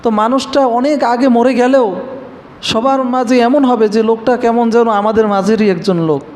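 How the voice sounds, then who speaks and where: A man's voice: extremely high pitch, steady tone, normal speed, a little mellow. A man preaching an Islamic lecture, reciting Arabic verses and then explaining each one. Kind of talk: religious lecture. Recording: faint noise, long hall reverb.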